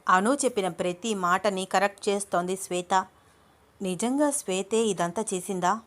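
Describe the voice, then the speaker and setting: A woman storyteller narrating a romantic story in a steady way. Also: mid-range voice, moderate pace.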